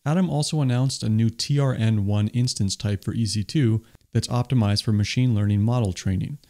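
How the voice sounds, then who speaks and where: A man hosting a tech video reads a scripted voice-over summary, explaining things with enthusiasm. His fairly low voice is warm and brisk, and it was recorded as voice-over rather than on the stage shown.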